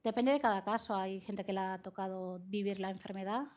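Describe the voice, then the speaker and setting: A woman psychologist answering interview questions in a measured, explanatory way, often laughing, from Spain. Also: mid-range voice, steady tone, a little mellow. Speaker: psychologist guest.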